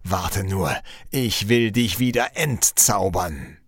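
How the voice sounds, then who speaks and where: A man's voice: on the low side, animated, takes it slowly, slightly rough, dry recording, studio quality, heavily acted. A man voicing an angry shoemaker who threatens a dwarf, in a storybook reading. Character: angry male shoemaker, middle-aged.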